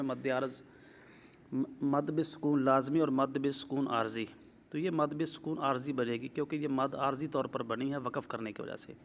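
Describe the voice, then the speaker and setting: A man's voice: mid-range voice, creaky. Male tajweed teacher, methodical step-by-step explainer, faint background hiss. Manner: methodical, explains rules step by step, checks with "ٹھیک ہے؟"; drawn-out slow demonstrations of recited words. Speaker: Quran recitation teacher. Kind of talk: tajweed lesson.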